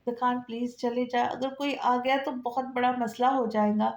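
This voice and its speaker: A woman's voice: on the high side, fairly even intonation, a little mellow, natural voice. A woman voicing a timid young wife who pleads nervously. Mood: pleading. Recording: echoey room.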